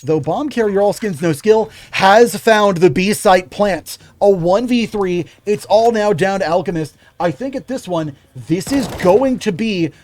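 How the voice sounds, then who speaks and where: A man's voice: high-pitched, a little slow, few pauses, a little mellow. A young man calling a live video game match play by play, breaking off to chat with viewers. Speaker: game commentator and streamer.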